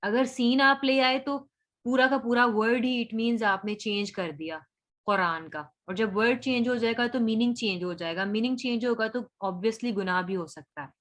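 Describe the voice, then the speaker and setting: A woman teaching Quran recitation rules online, chanting each verse slowly and patiently repeating words for her students. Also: fairly high pitch, a bit bright. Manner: slow, drawn-out chanting of verses between explanations. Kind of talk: online tajweed lesson.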